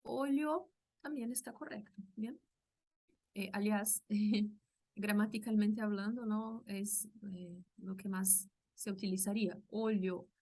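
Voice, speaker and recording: Her voice is medium in pitch, mellow, with a breathy edge. She's a language teacher from Brazil whose native tongue is Portuguese, speaking with a Brazilian Portuguese accent as she patiently explains sounds and models each aloud.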